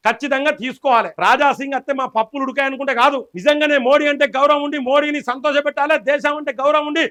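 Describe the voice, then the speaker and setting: Rapid, high-voiced Telangana man ranting. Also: bright, forceful tone. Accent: Telangana Telugu. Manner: impassioned, rhetorical, repeated questions. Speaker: host of a political news channel. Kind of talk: political commentary monologue.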